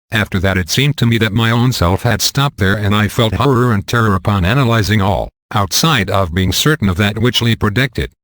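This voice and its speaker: A man narrating an audiobook in a measured, unhurried reading. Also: fairly low pitch, no room sound.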